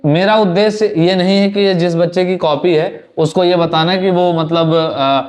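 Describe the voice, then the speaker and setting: A man's voice: high-pitched, steady tone, normal speed. A young man teaching exam translation in Hindi, going through a student's answer sheet in a chatty way, repeating words and dropping in English phrases.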